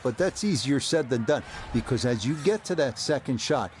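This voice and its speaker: A man giving measured, descriptive play-by-play golf commentary as an announcer. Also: medium pitch, animated.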